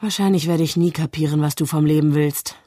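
Lady reading a serious sensible sister, fairly low voice, dry sound. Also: fairly even intonation, fairly quick, warm tone, no room sound. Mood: exasperated. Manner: earnest, disapproving. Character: serious, earnest young woman, a sensible sister. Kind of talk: literary reading.

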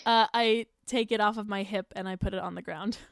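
A woman's voice: mid-range voice, fairly even intonation, a little fast, vocal fry. A woman playing a tabletop role-playing game casually, with a playful, self-deprecating manner. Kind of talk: casual improvised tabletop play.

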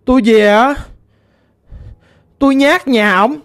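A woman voicing the vengeful ghost of a murdered teenage girl, pleading slowly in a Southern Vietnamese accent. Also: high-pitched. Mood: aggrieved. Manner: pleading, slow and plaintive.

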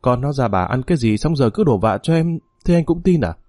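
A man's voice: mid-range voice, animated, a little fast, darkish tone, no room sound, clean studio sound, lightly acted. A man voicing a spiteful, lying stepmother who denies everything. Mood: defiant denial. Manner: stubborn, denying everything.

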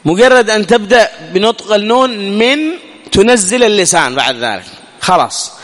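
A man with a high voice teaches recitation rules. He asks the listener questions and drags out each sound to demonstrate it. The sound rings with a long hall reverb. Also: animated, normal speed, a bit bright. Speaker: tajweed teacher. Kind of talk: recorded lesson explaining recitation rules.

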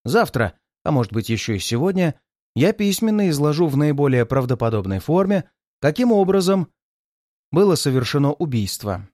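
A man reading aloud and voicing a cool-headed male detective in disguise who explains his plans calmly and deliberately. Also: fairly high pitch, no room sound, clean studio sound.

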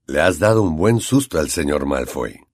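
A man voicing a calm, gentle male teacher in an audiobook, speaking low and measured. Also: husky, no echo, studio quality, heavily acted.

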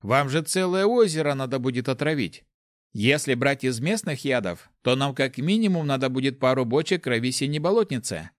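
A man voicing a grumpy, hard-drinking male paladin who is quick to anger, in a storybook reading. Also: mid-range voice, lively intonation, no echo, clean studio sound, pitched above the performer's own voice, natural voice. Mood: grumbling.

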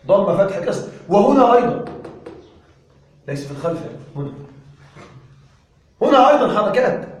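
A male grammar teacher lecturing a class with a fairly high voice. He keeps firing questions at the room and answering them himself. His voice sits far back in a very echoey room. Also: dull audio.

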